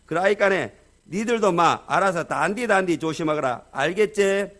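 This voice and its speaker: A blunt, bossy churchgoer with a thick Gyeongsang dialect, as a male preacher puts him on, reciting scripture as if lecturing a room of unruly kids. He talks loud and slow and hammers his points home with scolding questions. His voice sits fairly high for a man.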